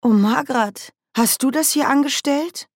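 A woman reading an audiobook, voicing an earnest, eager young witch in a brighter, higher voice. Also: unhurried, dry recording, clean studio sound. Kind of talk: audiobook character voice.

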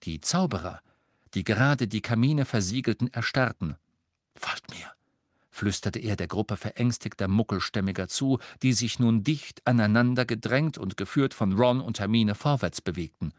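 A man's voice: fairly low pitch, moderate pace, dry recording. Man reading a story, dry sound. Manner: steady storytelling. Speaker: audiobook narrator. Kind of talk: scripted narration.

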